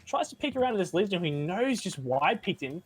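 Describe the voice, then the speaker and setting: A man calling an esports match play by play, quick and excitable as he follows the action. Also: high voice, breathy edge. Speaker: esports caster. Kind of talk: play-by-play commentary. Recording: noisy stream audio.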